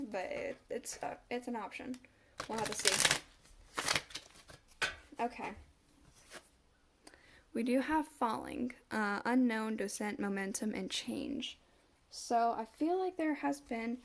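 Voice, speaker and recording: This tarot reader's voice is a little high, and background noise can be heard. Doing a casual reading to camera, she turns cards and thinks aloud, stuffed up from a cold with a slight cough.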